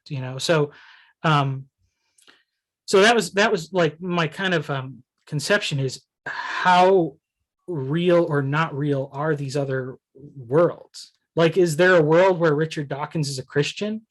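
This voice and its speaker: Searching, higher-voiced man musing aloud. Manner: searching, full of restarts and "you know". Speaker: essay writer discussing his ideas. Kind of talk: casual philosophical conversation.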